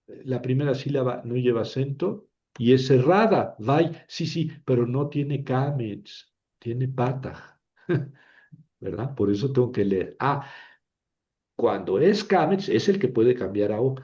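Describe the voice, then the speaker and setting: A man's voice: mid-range voice, expressive, takes it slowly, mellow, lo-fi sound. A man teaching Biblical Hebrew, patiently sounding out syllables and often checking with "¿verdad?". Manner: patient, repeats syllables aloud, asks "¿verdad?". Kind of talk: slow classroom explanation.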